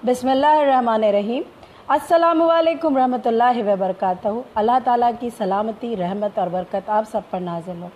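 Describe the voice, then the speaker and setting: A woman's voice: on the high side, normal speed, hardly any pauses, a little mellow. A woman hosting a live stream, opening with formal greetings and often hesitating between phrases. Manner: formal Urdu-inflected greetings, many hesitations.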